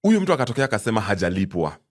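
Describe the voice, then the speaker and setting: Animated, low-voiced young Kenyan man. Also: very fast. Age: young adult. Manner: emphatic, opinionated, code-switches between English and Swahili. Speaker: panelist rating politicians. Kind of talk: casual panel discussion.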